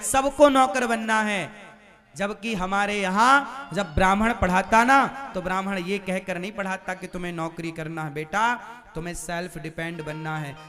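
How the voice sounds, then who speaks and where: A man's voice: high voice, fairly bright tone. A man preaching to a live audience, asking rhetorical questions and quizzing the crowd. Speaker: religious preacher.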